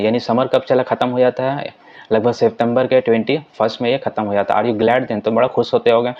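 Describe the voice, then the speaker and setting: A man teaching English in Hindi. He reads English sentences slowly, explains them quickly, and keeps saying "ठीक है" as he goes. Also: mid-range voice, lo-fi sound. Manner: repeats "ठीक है" as a filler.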